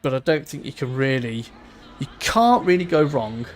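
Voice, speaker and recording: A man's voice: medium pitch, big pitch swings, moderate pace. A man, commentating a sim racing event live in a chatty, rambling way and laughing easily. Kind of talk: live esports race commentary.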